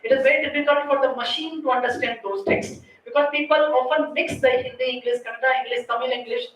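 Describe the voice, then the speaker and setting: A woman's voice: high-pitched, fairly even intonation, fast. A woman with an Indian accent giving a technical lecture as a conference speaker, explaining step by step and often checking in with short tag questions. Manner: explanatory, often ends points with checking tags like "right?" and "okay". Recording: distant mic, very echoey room, faint noise.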